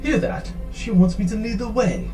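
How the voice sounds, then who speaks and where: A man's voice: high voice, lively intonation, normal speed, dark tone, faint music behind. A man playing a cocky, vain space pirate captain in a comic audio drama, boastful, indignant and theatrical. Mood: gloating.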